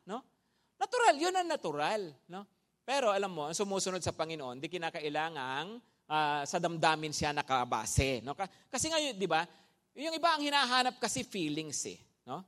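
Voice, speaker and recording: A man preaching a sermon in mixed Tagalog and English, animated, often checking with listeners by asking "no?" and acting out stories with sound effects. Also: sits high. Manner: acts out anecdotes with shouted sound effects. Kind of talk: Taglish sermon.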